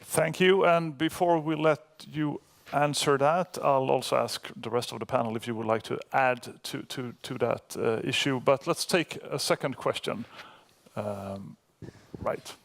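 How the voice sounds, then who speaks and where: A man's voice: medium pitch, measured pace, vocal fry. A man moderating a panel discussion, polite and brief as he hands over the floor.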